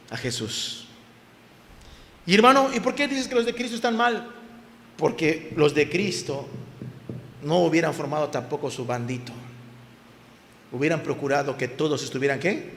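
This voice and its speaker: A pastor with a slightly high, somewhat bright voice preaches to his congregation in a church hall, posing questions and raising his voice for emphasis. The hall is echoey, with faint ambience and slight background noise.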